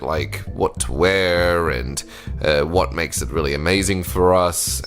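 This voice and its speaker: A man hosting a casual podcast on a bush hike, out of breath and joking around. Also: low-pitched. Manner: joking, playful. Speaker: podcast host. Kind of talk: casual chat while hiking. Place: outdoors on a bush hiking trail.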